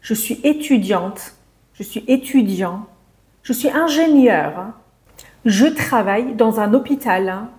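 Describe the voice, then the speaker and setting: A woman teaching beginners, who says each example sentence slowly and carefully. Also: fairly high pitch, lively intonation, darkish tone. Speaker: French teacher. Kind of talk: slow, clear language lesson for beginners.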